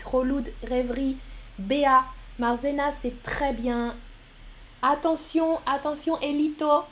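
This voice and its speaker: Slow, clear-spoken woman French teacher. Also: fairly high pitch. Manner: slow, clear, spells words letter by letter; encouraging, calls out students by name. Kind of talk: live online language lesson.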